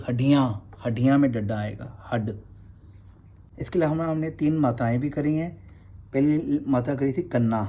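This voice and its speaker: A man's voice: medium pitch, a little mellow. A man, teaching Gurmukhi letters in a revision class and patiently repeating each sound.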